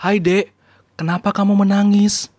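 A woman voicing a kind young man who gently comforts a crying child, in a scripted radio dialogue for a language lesson. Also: mid-range voice, flat delivery, moderate pace, heavy background noise, voice pushed up, close to an everyday voice. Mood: soothing. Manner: soothing, gentle.

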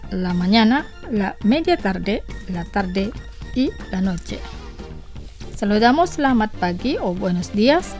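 Woman teaching words on radio, says everything twice real slow, dry studio mic, soft music under. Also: mid-range voice. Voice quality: slow, careful repetition of each word. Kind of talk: scripted radio language lesson.

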